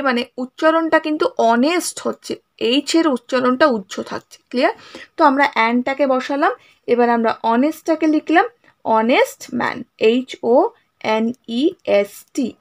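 A woman's voice: high-pitched, creaky, fairly bright tone. A woman with a Bengali accent teaching English grammar, spelling words out letter by letter and asking her students if they follow. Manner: spells words letter by letter, asks checking questions. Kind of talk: board lesson on English grammar.

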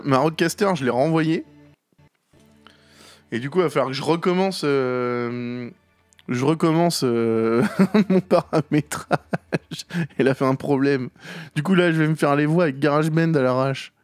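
A man's voice: medium pitch, expressive, normal speed, long pauses, smooth, dry recording, faint music behind. A man streaming a game live, chatting casually with playful jokes. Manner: joking, playful. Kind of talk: casual live gaming commentary.

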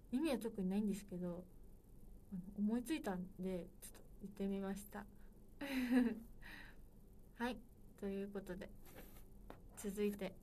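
A woman's voice: medium pitch, a little hiss or hum. A woman in her twenties hosting a solo livestream, chatting casually and playfully with viewers. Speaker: livestream host.

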